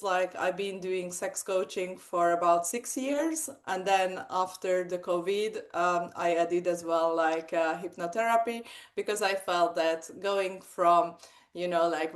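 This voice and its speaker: A woman in her forties from Hungary, speaking English with a Hungarian accent, telling her story animatedly in an interview with many fillers. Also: medium pitch. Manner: animated, lots of fillers and acted-out quotes. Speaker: guest, sex coach and hypnotherapist. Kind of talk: casual interview chat.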